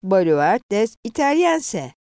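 A woman's voice: medium pitch, very animated, unhurried, darkish tone, no room sound, clean studio sound. A woman voicing a frightened young wife who pleads tearfully and insists she is right. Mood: anxious.

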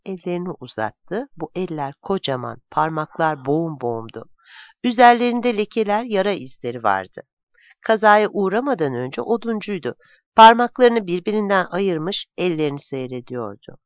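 A narrator reading a novel aloud in a dramatic, lively way, in a dull, dry, lo-fi recording. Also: medium pitch, normal speed, no room sound.

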